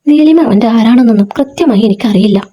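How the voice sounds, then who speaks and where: A woman's voice: fairly high pitch, lively intonation, fairly quick, slightly rough, highs cut off. A woman voicing a young man in a storybook, a frustrated friend pleading to be heard, in an earnest, pressing way.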